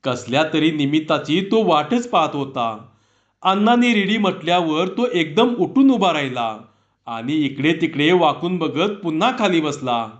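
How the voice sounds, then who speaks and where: A man narrating a humorous story in a measured, descriptive way. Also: fairly high pitch, sing-song. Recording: dull lo-fi recording.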